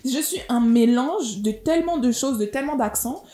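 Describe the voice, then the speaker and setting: A woman in her twenties from France and Gabon, with a French accent with touches of Marseille and Gabon, talking straight to her viewers in a casual personal vlog. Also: on the high side. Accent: French, mixed Marseille and Gabonese touches. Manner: fast, lively, chatty, addresses viewers directly. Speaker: vlogger. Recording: roomy room echo, faint music.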